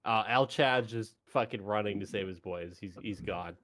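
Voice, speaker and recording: A man's voice: on the low side, normal speed, a bit bright. A man playing a tabletop game, chatting casually, swearing and joking. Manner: swears freely, loose and jokey. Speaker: player. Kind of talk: casual chat.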